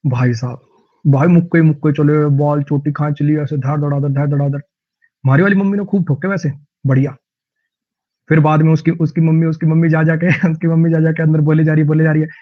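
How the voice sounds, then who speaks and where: A man's voice: on the high side, a little fast. Chatty man teaching vocabulary, lo-fi audio. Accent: Haryanvi-tinged Hindi. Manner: chatty, jokey, tells lively anecdotes. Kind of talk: online vocabulary lesson.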